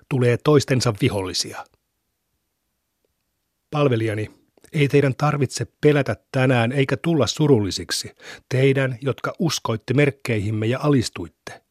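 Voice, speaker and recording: A man giving a solemn, measured reading of a scripture translation. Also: mid-range voice, no echo, clean studio sound. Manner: measured, even recitation. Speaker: scripture reader.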